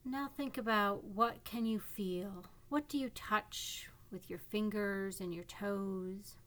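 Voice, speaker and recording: A woman narrating a guided imagery meditation in a calm, soothing way, leaving long pauses between gentle instructions. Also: mid-range voice. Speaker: psychotherapist guiding a meditation.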